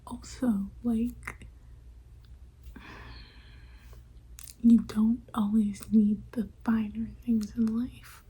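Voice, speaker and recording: A woman's voice: on the high side, mellow, breathy edge, poor audio. A woman in her twenties whispering a late-night vlog check-in, chatty and loose, her speech a little off from a retainer. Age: 20s. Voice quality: slightly off speech from a dental retainer. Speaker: book vlogger.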